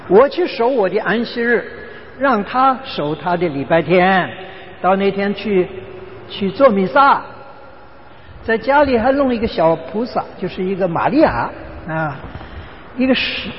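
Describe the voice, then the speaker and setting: A man preaches in an earnest, emphatic voice, stretching out key phrases as he tells a story. His voice sits unusually high for a man. The recording is dull and muffled, with a long echo and faint background hiss. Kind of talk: sermon storytelling. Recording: dull echoey hall with faint noise.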